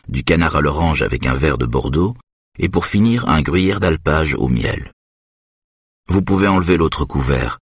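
A man reading a novel in the first person as an audiobook, in a measured, even delivery. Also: rumbling low, breathy edge, no echo, studio quality. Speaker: audiobook narrator.

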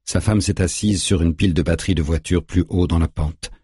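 A man narrating an audiobook in a grave, measured way, recorded on a close studio mic. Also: low-pitched, steady tone, dark tone, husky, no room sound.

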